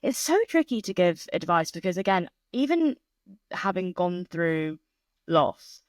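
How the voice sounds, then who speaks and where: A woman in her twenties, a guest on a podcast, speaking in a thoughtful, measured and open way. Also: lowish voice, big pitch swings, dry recording, clean studio sound. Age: 20s. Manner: thoughtful and measured, speaking openly about grief. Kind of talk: candid interview conversation.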